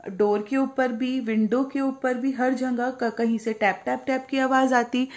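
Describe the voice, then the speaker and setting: A woman teacher works through a storybook lesson, explaining each word patiently for children. Her voice sits fairly high and she takes her time. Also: fairly even intonation, unhurried. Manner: patient, explains words simply, calls listeners child. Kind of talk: storybook lesson, reading English and explaining in Hindi.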